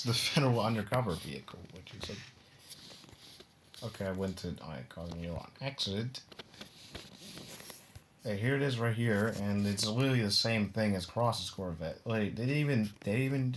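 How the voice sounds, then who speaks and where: A man's voice: on the low side, slight background noise. A man casually running through the cars of a video game, rambling and often breaking into giggles.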